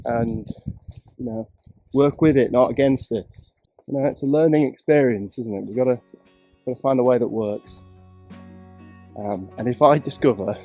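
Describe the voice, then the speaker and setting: A man's voice: mid-range voice, highs cut off. A man in his thirties with a congested, bunged-up voice, chatting casually and self-deprecatingly to an action camera while out on a countryside walk. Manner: self-deprecating, rambling with restarts. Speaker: walking vlogger.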